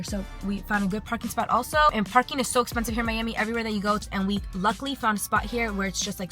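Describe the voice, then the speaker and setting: A woman's voice: a little high, sharp tone. A woman vlogging a trip in a chatty, upbeat way, full of "like" and "honestly.". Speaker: travel vlogger. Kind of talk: casual travel vlog narration.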